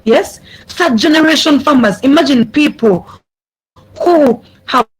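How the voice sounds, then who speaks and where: A young adult youth speaker from Uganda gives an earnest prepared speech at an online summit over a video call, repeating phrases for emphasis. The voice is high with lively intonation and an unhurried pace, and the recording is rough.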